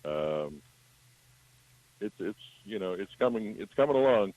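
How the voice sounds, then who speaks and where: A man calling in to a radio show, talking about his magazine in a relaxed, rambling way, heard over a muffled line. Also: fairly low pitch, a little slow, dry recording. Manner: relaxed, rambling, many fillers. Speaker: phone-in guest, magazine publisher. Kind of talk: casual radio call.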